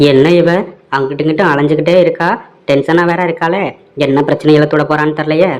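A man's voice: a little high, moderate pace, pauses often, close to an everyday voice. A man voicing an easygoing middle-aged husband and father in a cartoon comedy, with a Tamil accent, muttering wryly to himself. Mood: wary.

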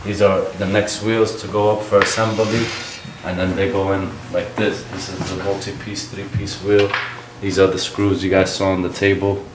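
Leading a casual, energetic tour through a wheel factory, a man in his thirties speaks in relaxed street slang with a low-pitched, level voice at moderate pace. The large indoor factory floor is noisy, and music plays in the background.

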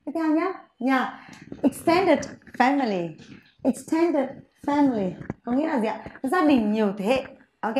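A woman English teacher giving a vocabulary lesson, saying each word slowly for her students to repeat. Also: on the high side, darkish tone, echoey room, a little hiss or hum.

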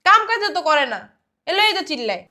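An actress playing a middle-aged mother who scolds her family with quick retorts. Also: high voice, very animated, sharp tone, full character voice. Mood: scolding. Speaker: mother-in-law.

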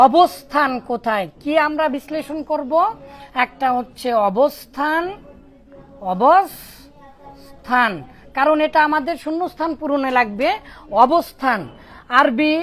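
A woman's voice: sits high, a bit bright. A woman from Bangladesh teaching a class, asking questions and repeating words to drill them. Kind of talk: classroom lecture.

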